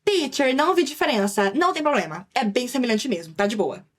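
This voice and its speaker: A young woman with a Brazilian Portuguese accent teaching an English lesson in a lively, chatty way, slowing down for English examples. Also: a little high. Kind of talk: online language lesson.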